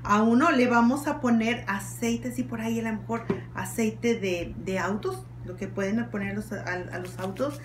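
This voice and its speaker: A woman's voice: a little high, normal speed. A woman cheerfully explaining a home activity to children. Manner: cheerful, chatty, addresses children. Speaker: children's program host. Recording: echoey room with faint noise.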